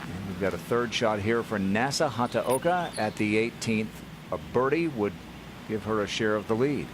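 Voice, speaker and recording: Low-voiced male golf commentator. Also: lively intonation, normal speed. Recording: loud outdoor course noise.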